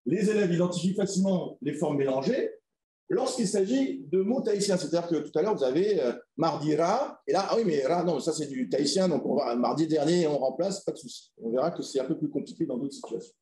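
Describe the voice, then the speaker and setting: A man's voice: a little high, lively intonation, quick pace, dark tone, echoey room, poor audio. A man giving an academic conference talk, explaining patiently and often adding little fillers like "hein" and "voilà". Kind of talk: academic presentation.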